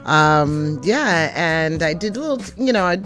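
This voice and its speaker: A woman's voice: low-pitched, animated, normal speed, fairly bright tone, faint music behind. A woman in her forties, a radio personality, chatting casually and laughing often as a guest.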